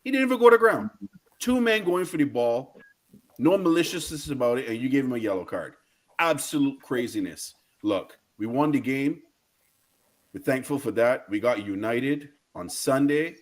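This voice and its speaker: A man with a Barbadian accent delivers an indignant fan rant about football. His pitch sits in an ordinary male range, and he speaks in slangy, emphatic bursts, hammering points home by repeating them. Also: animated, moderate pace. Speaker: football fan guest caller.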